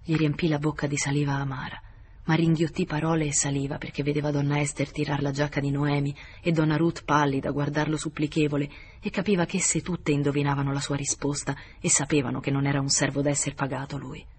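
A man reading a novel aloud in measured scripted narration. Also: fairly high pitch, level tone, slight background noise. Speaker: audiobook reader.

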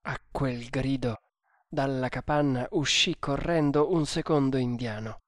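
Brief: male audiobook narrator, slow and theatrical, dry close mic. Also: mid-range voice, dry recording. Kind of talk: audiobook reading of an adventure novel.

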